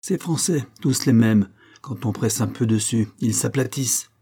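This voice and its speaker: A man's voice: medium pitch, moderate pace, warm tone, slightly rough, close to an everyday voice. A man voicing a brutal, gloating male executioner with a German accent and a hyena-like sneer. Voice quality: hyena-like sneer, grotesquely tragic.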